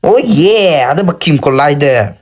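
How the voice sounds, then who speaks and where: A man narrating his gameplay in quick, excitable bursts, cursing at teammates and joking at his own expense. His voice sits a touch high. He plays on a phone and talks over the match. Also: slight background noise. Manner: excitable, cursing, self-mocking. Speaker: gaming channel host. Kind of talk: casual gameplay commentary. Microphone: playing on a phone.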